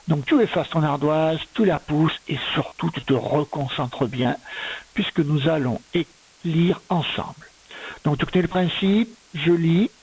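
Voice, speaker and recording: On a rough recording, a woman with a low-pitched, darkish voice and a breathy edge leads a reading and spelling lesson for a young child. This primary school teacher takes it step by step, dictating slowly and patiently syllable by syllable.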